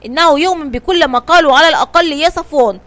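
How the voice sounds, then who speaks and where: A woman's voice: high voice, a bit bright. A woman reading Sinbad, firm sea captain. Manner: firm and measured. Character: calm, resolute male sea captain. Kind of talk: storybook reading.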